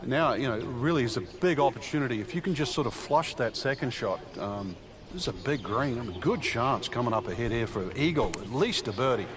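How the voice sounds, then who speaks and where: A man playing a golf commentator, a measured, encouraging analyst who talks conversationally with some hesitation. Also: medium pitch, lively intonation, crowd noise, natural voice. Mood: measured, analytical.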